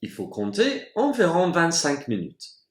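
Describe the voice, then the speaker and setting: Slow, careful male language teacher. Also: on the high side, wildly swooping pitch. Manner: slow, careful pronunciation of example words. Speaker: English teacher. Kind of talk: bilingual vocabulary lesson. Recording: roomy echoey room.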